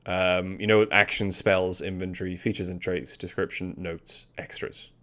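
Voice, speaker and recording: A man's voice: deep voice, fairly even intonation, moderate pace, a bit bright. A man narrating and running a tabletop role-playing game as its game master.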